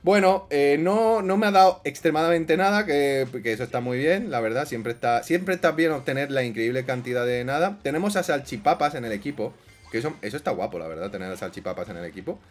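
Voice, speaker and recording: A man giving excitable gameplay commentary, swinging from quiet mumbling to loud outbursts. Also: mid-range voice, a little fast, soft background music. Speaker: gaming YouTuber.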